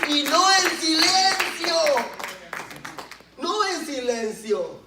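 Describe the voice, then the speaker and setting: Man playing a shouting healed leper. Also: very high-pitched, very animated, very slow, background noise, voice pushed up, heavily acted. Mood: defiant joyful. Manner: loud exuberant shouting. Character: healed male leper shouting thanks, overjoyed, defiant. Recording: roomy echo, voice from a distance.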